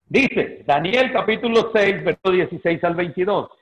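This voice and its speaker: A man preaching a sermon to his congregation and reading scripture aloud, exhorting them with drawn-out "ah" pauses. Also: high-pitched, expressive, a bit bright, low-quality recording. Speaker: pastor.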